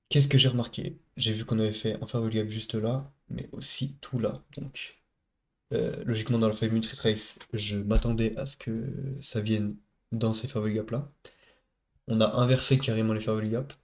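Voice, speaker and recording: A stuffy-nosed man nursing a head cold recaps his trade on a screen recording, chatting to viewers as friends and hesitating often. He speaks on the low side in a level, darkish tone at a moderate pace.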